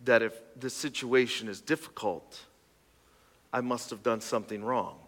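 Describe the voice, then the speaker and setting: A man in his thirties preaching a casual sermon, joking and restarting, then building to loud emphatic passages. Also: mid-range voice, moderate pace. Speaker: pastor. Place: church auditorium. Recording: long hall reverb.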